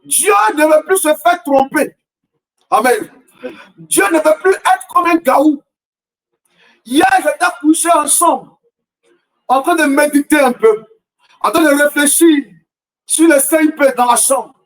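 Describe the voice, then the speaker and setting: A man preaching a sermon as a prophet, shouting repeated rhetorical questions in a half-sung cadence. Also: very high-pitched, measured pace, pauses often, recorded from a distance, low-quality recording. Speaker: prophet preaching a morning prayer.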